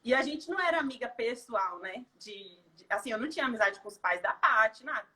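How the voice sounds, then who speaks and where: A woman from Brazil with a bright, high voice recounts a painful personal memory. She speaks in a heartfelt, tearful way, circling back with fillers and restarts as she tells it. Her tone stays clear and ringing throughout. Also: lively intonation, a little fast. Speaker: guest giving a testimonial. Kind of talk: emotional personal testimony.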